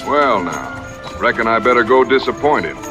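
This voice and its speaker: In a western audio drama, a male actor plays a confident, plainspoken American frontier hunter given to laconic, folksy dry humor. His medium-pitched voice is very animated and close to an everyday voice, delivered at a moderate pace with a wry, easygoing mood as music plays in the background.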